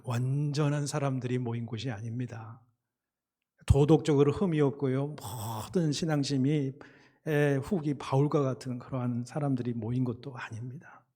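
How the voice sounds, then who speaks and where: A man preaching a Sunday sermon in a church, speaking in a measured way with frequent hesitation sounds and building emphasis on key points. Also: medium pitch, dark tone. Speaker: pastor. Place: church sanctuary.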